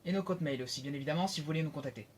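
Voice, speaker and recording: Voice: medium pitch, very fast. Une co-animatrice de vlog qui lance des remarques taquines et désinvoltes, filmée au téléphone. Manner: teasing, offhand remarks. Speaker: vlog co-host. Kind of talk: casual chat. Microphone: phone camera.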